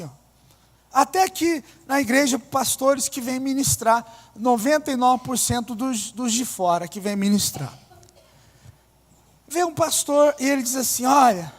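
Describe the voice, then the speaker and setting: Male pastor, very high voice, emphatic sermon with wry low asides, long church reverb. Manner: emphatic, shifting between loud declarations and low asides, humorous. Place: church hall.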